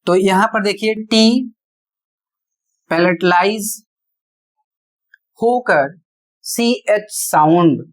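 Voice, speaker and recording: The teacher speaks very slowly in a mid-range voice, leaving long pauses. It's a spoken pronunciation lesson in classroom style, with words spelled out letter by letter and every rule explained step by step through rhetorical questions.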